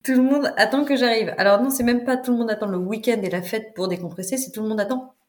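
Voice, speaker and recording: A woman's voice: fairly high pitch, fast, a little mellow. A woman in casual chat, playfully going through song lyrics with asides.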